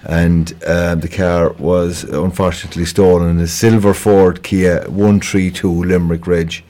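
On a local radio show, a radio guest from Kerry, Ireland, makes an informal police appeal, hesitating and repeating words as he talks conversationally. His deep, mellow voice stays level and moves a little slowly.

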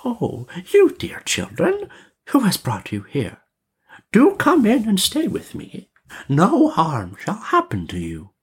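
A storyteller voicing a wicked old witch, sly and mocking, with a high cackling crone's voice and drawn-out, swooping delivery. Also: huge pitch swings, slightly rough, full character voice. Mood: falsely sweet.

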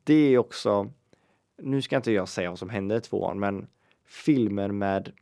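A man's voice: on the low side, vocal fry, mellow, no echo. A man co-hosting a podcast in casual chat, joking and laughing often. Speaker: podcast co-host.

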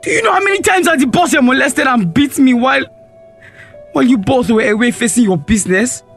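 A young man playing a furious neglected son with a high voice. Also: expressive, brisk, gravelly, a bit bright, soft background music, exaggerated voice. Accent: Nigerian. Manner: confrontational, accusing. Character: resentful neglected teenage son. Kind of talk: radio drama acting.

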